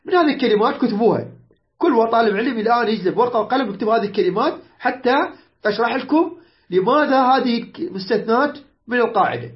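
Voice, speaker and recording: A teacher with an Iraqi Arabic accent explaining grammar patiently, repeating words slowly, spelling out letters and often checking that students follow. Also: mid-range voice, expressive, lo-fi sound. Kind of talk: online grammar lesson.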